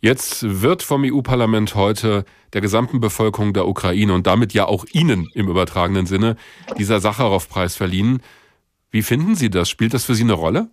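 A man conducting a radio interview, asking measured, composed questions. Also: fairly low pitch, no echo.

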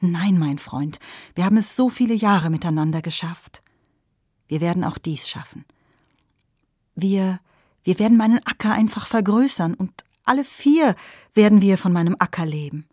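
A woman voicing a gentle, kindly old farmer father, speaking softly and low, almost in a whisper. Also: lively intonation, moderate pace, no room sound, clean studio sound, lightly acted. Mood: comforting. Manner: soft, low and half-whispered.

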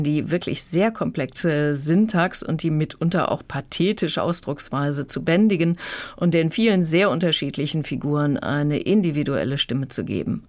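A book critic giving a thoughtful review of audiobooks on radio. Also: mid-range voice.

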